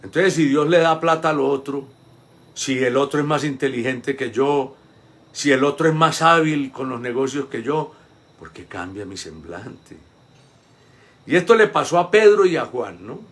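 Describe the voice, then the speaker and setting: A male pastor giving a devotional sermon, swinging between emphatic rhetorical questions and hushed low asides. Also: animated, unhurried.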